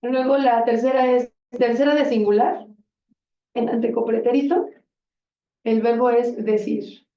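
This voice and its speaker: A woman's voice: on the high side, steady tone, unhurried, warm tone. A woman teaching a Spanish conjugation drill in a classroom, patient and encouraging and often praising answers. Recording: roomy, distant and dull classroom sound.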